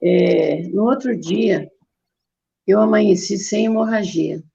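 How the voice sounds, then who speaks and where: An older woman with a Brazilian Portuguese accent tells a personal testimony in a heavily gravelly voice. She speaks at a middling pitch and acts out her own quoted words as she goes. The sound is dull and lo-fi. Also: slow, warm tone. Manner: storytelling with acted quotes of herself. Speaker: guest giving testimony.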